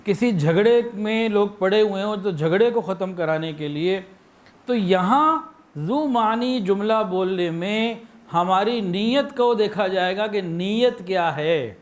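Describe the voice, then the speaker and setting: A man with a Pakistani Urdu accent delivering a sermon, illustrating his points with anecdotes and acted-out phrases. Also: high-pitched. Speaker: preacher.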